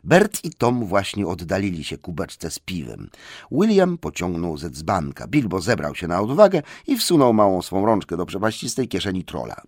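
A man narrating a storybook with a lively, expressive delivery. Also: sits low, moderate pace, no room sound, clean studio sound. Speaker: audiobook narrator.

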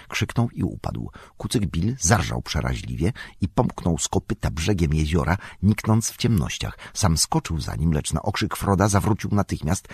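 Deep-voiced male audiobook narrator, husky, steady pace of telling, dry booth sound. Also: dry recording.

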